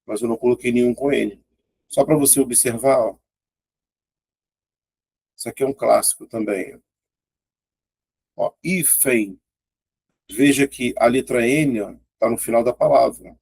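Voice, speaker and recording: Gravelly Brazilian teacher, casual and chatty. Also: male voice, mid-range voice, darkish tone. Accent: Brazilian Portuguese. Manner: casual, chatty, keeps pointing things out and checking in with students. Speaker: grammar teacher. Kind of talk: exam-prep grammar lesson.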